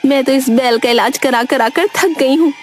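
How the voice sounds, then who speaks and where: A woman voicing a sharp-tongued, scolding village wife in a cartoon. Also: high-pitched, normal speed, lightly acted. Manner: scolding, exasperated. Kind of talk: cartoon voice acting. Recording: music behind voice.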